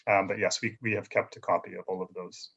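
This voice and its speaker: A man's voice: deep voice, flat delivery, fast, creaky, fairly bright tone, husky. Man telling stories, muffled sound. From Canada. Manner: conversational, leans on "you know" and "right?". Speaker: filmmaker guest. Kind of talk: relaxed storytelling interview.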